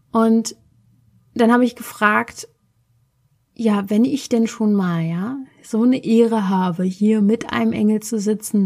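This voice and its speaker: A woman's voice: mid-range voice, gravelly, dark tone. A woman from Berlin casually telling a personal story in a reflective way, often searching for words. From Berlin, Germany.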